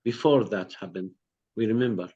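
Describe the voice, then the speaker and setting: A Palestinian man who co-directs a peace network speaks earnestly as an online panelist, often repeating words while searching for how to express himself. His voice is lowish, dark, and husky at a normal speed, on lo-fi audio.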